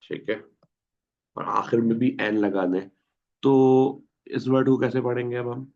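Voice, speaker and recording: Slow gravelly male language teacher. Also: medium pitch, darkish tone. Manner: patient, quizzes students and repeats words slowly. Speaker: German teacher. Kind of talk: online language class. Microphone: video call. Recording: dull lo-fi online class audio.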